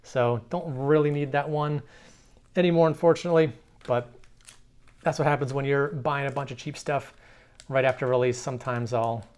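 A man hosting a casual card-collecting vlog, chatting in a relaxed way with fillers and restarts while he shows cards indoors. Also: mid-range voice, normal speed, smooth. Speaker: card collector, channel host.

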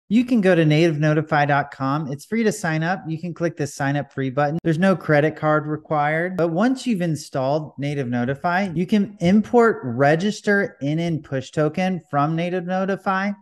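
A man's voice: a little high, normal speed, hardly any pauses. A man hosting a coding tutorial, talking casually over a screen recording with frequent fillers. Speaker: developer tutorial host. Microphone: voice-over on a desktop screen recording.

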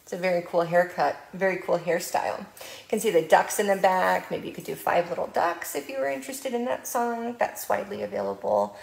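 A woman's voice: on the low side, expressive, fairly quick, creaky, darkish tone. An American woman, a children's librarian, reads a picture book aloud and gives early literacy tips in a playful sing-song way, with animal sounds. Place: library room. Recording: echoey room.

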